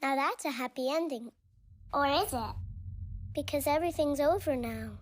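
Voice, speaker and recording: Tiny nihilist cartoon creature, female actor: high-voiced, sweet, singsong, cheerfully bleak. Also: normal speed, natural voice.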